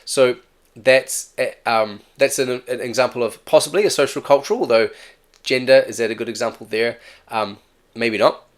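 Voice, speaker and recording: A man's voice: mid-range voice, normal speed. Chatty man explaining exam topics. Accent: non-native or regional English accent. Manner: chatty, self-correcting, with frequent "right?" asides. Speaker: teacher. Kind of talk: casual exam-prep lecture.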